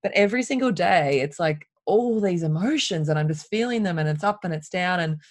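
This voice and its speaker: A woman speaking openly and emotionally in a casual conversation, telling her story with lively candour. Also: lowish voice, brisk, dry recording, clean studio sound. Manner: open, emotional, animated storytelling.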